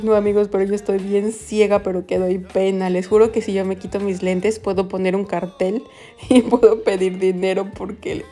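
A young vlogger with a Mexican Spanish accent walks around a quiet town center, then a café, chatting casually to her viewers. Her voice is medium-pitched and darkish, and her stories come with lots of giggles and exclamations.

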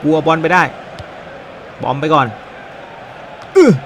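A Thai-accented man commentates a football video game with high, lively energy, his voice leaping up and down as he reacts to each attack. He keeps up a running stream of exclamations. Steady noise sits under the recording. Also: slow pace. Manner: animated play-by-play, frequent exclamations. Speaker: gaming YouTuber.

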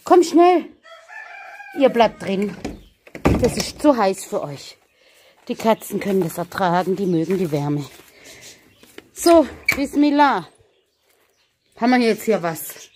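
Woman vlogger from Germany, chatty and coaxing with her pets, unhurried delivery, outdoor camera mic with faint noise and animals nearby. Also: medium pitch, expressive. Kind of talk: casual vlog talking to viewers and animals. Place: outdoors in a hot village yard with animal pens.

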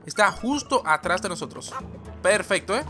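A man giving excitable, rambling let's-play commentary as a gaming channel host, yelling at the game as he plays. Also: sits high, normal speed. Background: game music.

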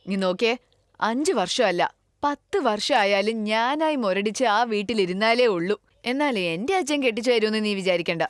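A woman's voice: on the high side, no echo, lightly acted. An actress dubbing a fierce, bold young village woman who speaks sharply. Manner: bold, sharp-tongued, demanding. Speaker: dubbing actress voicing the heroine. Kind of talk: Malayalam film dub acting.

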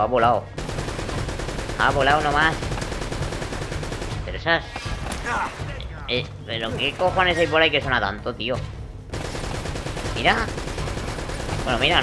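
A man casually commenting on a video game he is playing, excitable and swearing, talking to himself. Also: medium pitch, unhurried, long pauses. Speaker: gameplay commentator. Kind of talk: casual let's-play commentary. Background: game music and gunfire.

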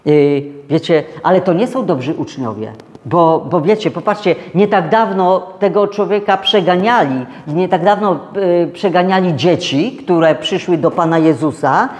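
A man's voice: lively intonation, normal speed, long reverb tail. A man preaching a conversational sermon as pastor, speaking straight to his congregation and acting out the voices he quotes. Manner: acts out quoted voices higher and louder. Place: church hall.

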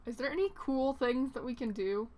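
A young woman hosts a let's play of a life-simulation game, chatting casually in a high, dark-toned voice at a moderate pace. She rambles and reacts with surprise as she goes.

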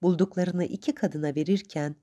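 A woman narrating a novel for an audiobook in a calm, measured storytelling manner. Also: on the low side.

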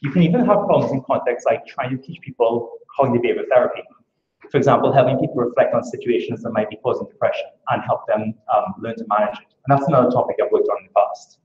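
Delivering a conference talk in a lecture room, an academic speaker from Trinidad and Tobago talks fast, earnestly and briskly, explaining with rhetorical questions. His voice is medium-pitched, and the room recording is echoey and dull.

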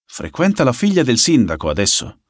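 A man's voice: mid-range voice, huge pitch swings, fairly quick, no room sound, studio quality. A man voicing a cold, composed young man in an audiobook, curt and icy.

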